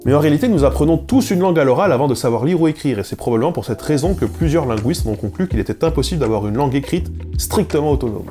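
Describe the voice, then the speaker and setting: A man hosting an educational channel, delivering scripted narration in a brisk way with wry, ironic asides. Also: fairly high pitch, expressive, warm tone, soft background music. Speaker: YouTube linguistics host.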